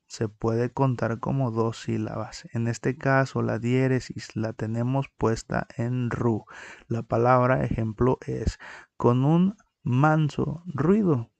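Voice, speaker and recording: A man's voice: mid-range voice, fairly even intonation, takes it slowly, creaky, a little mellow, dry recording. A man teaching a recorded lesson on poetic meter, explaining step by step and counting syllables aloud.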